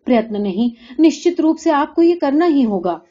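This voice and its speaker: An anxious village mother, middle-aged and insistent, pleading and pressing her case, as a woman reader gives her voice. Her tone sits fairly high and mellow. The recording is dull and lo-fi. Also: big pitch swings.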